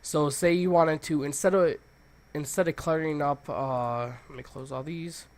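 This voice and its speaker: A man with a stuffy, congested nose hosting a casual software tutorial, talking informally and thinking aloud as he goes. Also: a little high, fairly even intonation, moderate pace. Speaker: tutorial host.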